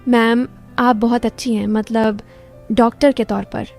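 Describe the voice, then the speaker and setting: A shy young man, bashful and hesitant, talking a little high for a man, voiced by a woman telling the story. The tone is soft and mellow, with faint music underneath. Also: flat delivery, measured pace, gravelly.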